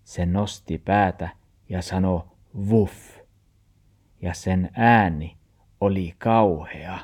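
A man with a Meänkieli accent reading a children's audiobook aloud in a calm, measured storytelling manner. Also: low voice. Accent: Meänkieli (Tornedalen). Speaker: audiobook narrator.

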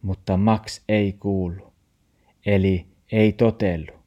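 Mellow-voiced Tornedalian storybook narrator. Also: male voice, low voice, fairly even intonation, muffled recording. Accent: Tornedalian Meänkieli. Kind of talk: storybook reading.

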